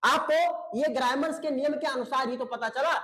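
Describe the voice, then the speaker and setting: A man's voice: very high-pitched, moderate pace, a bit bright, echoey room. A man teaching English grammar in an online video lecture. He explains patiently, repeats his points, checks that students follow, and calls them beta and babu.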